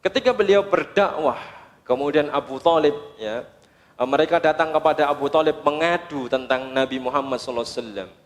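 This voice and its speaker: A man preaching a sermon, speaking emphatically in short phrases that often climb to high, insistent peaks. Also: a little fast.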